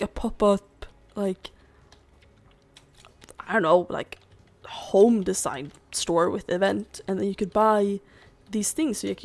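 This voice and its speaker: A young adult woman, a gaming YouTuber, chats casually over gameplay at a medium, slightly mellow pitch. She rambles and fills every gap with "like," and her voice sounds strained, as if it's giving out.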